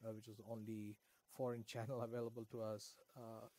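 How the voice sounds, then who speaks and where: As a guest author, this middle-aged Kannada-speaking man from India delivers lengthy, rambling interview answers full of fillers and restarts. His voice is fairly low and darkish, flat, and fairly quick.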